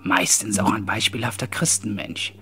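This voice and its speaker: Audiobook: male reader plays a vain old ghost lord, raised high pitch, loud pompous scolding. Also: fairly even intonation, moderate pace, slightly rough, exaggerated voice. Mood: haughty. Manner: pompous, shouting in anger.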